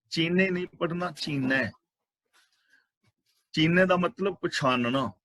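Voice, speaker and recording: A man with a Punjabi accent explaining scripture line by line, reciting verses slowly and then explaining them in plain words. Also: on the high side, no echo. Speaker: Sikh scripture teacher. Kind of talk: scripture exposition.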